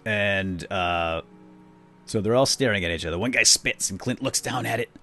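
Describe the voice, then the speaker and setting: Over quiet background music, a man who hosts a let's play series chats about his game and tells a story with lively energy. His lowish voice keeps a moderate pace, and his delivery rambles with plenty of fillers.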